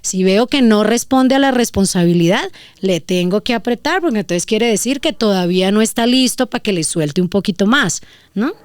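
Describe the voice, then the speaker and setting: Animated Valle Colombian woman giving parenting advice. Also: medium pitch, normal speed, clear, resonant tone, dry recording. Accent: Valle del Cauca Colombian. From Colombia, Valle del Cauca. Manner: animated, acts out examples in voices. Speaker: guest parenting expert. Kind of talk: casual advice conversation.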